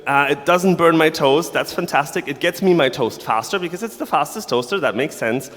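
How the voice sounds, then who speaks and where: A man's voice: on the high side, lively intonation, a little fast, a bit bright. A man from Germany, giving a playful, sarcastic conference talk to developers. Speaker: conference speaker. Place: large conference hall. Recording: long reverb of a large hall.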